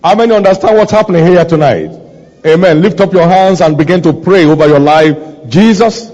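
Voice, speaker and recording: A man's voice: high voice, a little fast, darkish tone. A man, preaching and praying aloud as a pastor, with fervent declarations and repeated phrases. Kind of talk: sermon and prayer. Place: large church hall. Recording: dull sound with long hall reverb.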